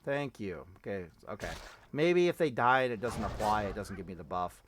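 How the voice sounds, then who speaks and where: A man's voice: fairly low pitch, expressive, moderate pace, slight background noise. A man giving casual, rambling commentary on a game, cursing and interrupting himself as he tests things. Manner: rambling, profane, self-interrupting. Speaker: gaming streamer.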